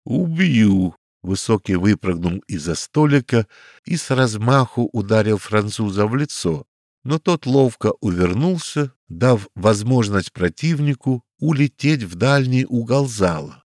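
A man narrating a detective story as an audiobook reader, in steady storytelling. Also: fairly low pitch, measured pace, dry recording, studio quality. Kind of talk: scripted narration.

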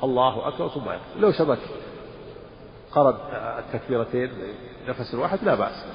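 A man's voice: medium pitch, big pitch swings, brisk, slight background noise. A man, an Islamic scholar, teaching a religious lesson, explaining rules and briefly intoning the phrases he discusses. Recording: dull lo-fi audio with long hall reverb.

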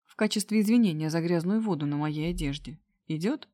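A woman voicing a calm, friendly young male lecturer who speaks softly and a little unsure. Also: lowish voice, brisk, no echo, studio quality, lightly acted. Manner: soft, slightly unsure.

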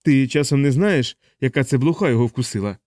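A man voicing a cheerful, oblivious, round-faced male navigator who talks loudly and cheerily. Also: medium pitch, quick pace, dry recording, studio quality, lightly acted. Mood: chuckling. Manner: loud, cheery, obtuse.

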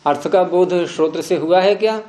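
A man's voice: high-pitched, moderate pace, darkish tone, echoey room. A man teaching philosophy to a class, often prompting students with questions. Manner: questioning, repeatedly prompting with "hmm?". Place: room with students present.

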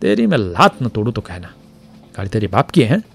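A man voicing a thin, frightened clerk who shouts curses in a shrill voice. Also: very animated, moderate pace, gravelly, soft background music. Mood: furious shouting.

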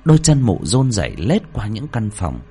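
A man's voice: lowish voice, huge pitch swings, normal speed, warm tone, breathy edge. A man reading a horror story aloud in a dramatic, swinging delivery, with faint music underneath. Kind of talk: scripted horror narration.

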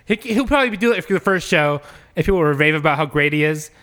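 A man casually riffing on a comedy pitch, rambling with lots of "like" and "you know". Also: lively intonation, quick pace, a bit bright. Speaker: comedy podcast host pitching ideas.

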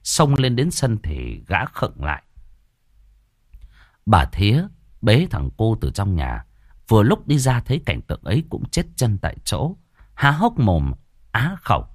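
A man narrating a ghost story with a vivid, expressive telling. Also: on the low side, dry recording, clean studio sound. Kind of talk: dramatic horror story narration.

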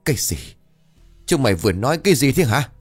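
A man voicing a furious, scheming old village landlord who shouts and rages at his son. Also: deep voice, big pitch swings, brisk, soft background music. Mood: enraged. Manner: shouting and raging.

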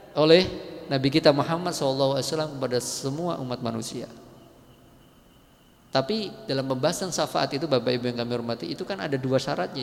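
A male preacher tells a religious story in a slightly high voice. His sermon climbs to emphatic peaks and then drops soft for quoted lines. A long reverb from a large hall trails his words. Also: gravelly.

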